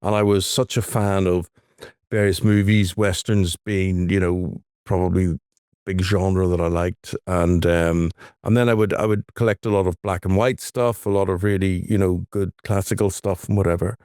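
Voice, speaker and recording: A middle-aged man, co-hosting a casual podcast in an easygoing, halting way. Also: low voice, little pitch movement, darkish tone, clean tone, dry recording, clean studio sound. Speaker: podcast co-host. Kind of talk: casual chat.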